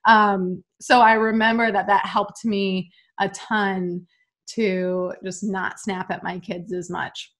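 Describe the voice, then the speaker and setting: A woman's voice: medium pitch, takes it slowly. A woman hosting an interview, chatting casually and telling stories animatedly, acting out what people said. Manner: animated storyteller, acts out quotes. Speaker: podcast host.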